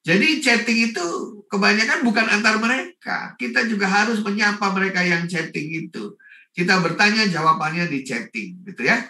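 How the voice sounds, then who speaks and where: A man from Indonesia giving a lively talk at an online forum, mixing in English phrases and greeting listeners by name. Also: high-pitched, moderate pace, roomy sound, far from the mic. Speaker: forum speaker.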